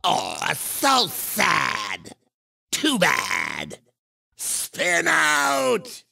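Cartoon komodo dragon villain, video game racer, wildly swooping pitch, heavy gravel, gloating, shouty, theatrical. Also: male voice, wildly swooping pitch, very slow, exaggerated voice. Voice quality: gravelly, creaky. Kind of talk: exaggerated video game character barks.

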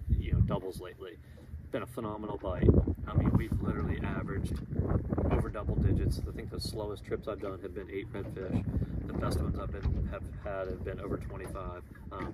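A man in his thirties with a Florida accent, a fishing guide giving a relaxed, upbeat fishing report from a small boat, with lots of "um"s. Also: fairly low pitch. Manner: relaxed, chatty, upbeat, many "um"s. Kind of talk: casual monthly fishing report to camera. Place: outdoors on a small boat on a lagoon. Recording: loud wind and water noise on outdoor mic.

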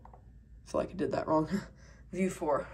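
Her voice is low-pitched and darkish, moving at a measured pace, with a slight hiss or hum on the recording. She's congested from a cold and chats loosely about a toy while handling it, using lots of fillers, recorded on a camera mic at a tabletop.

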